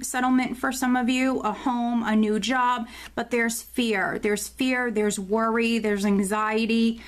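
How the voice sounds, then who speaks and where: A fairly high-voiced woman talks through a monthly tarot reading, often short of breath. She rambles, circles back and restarts her sentences. The delivery is loose and casual, full of fillers. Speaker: tarot reader.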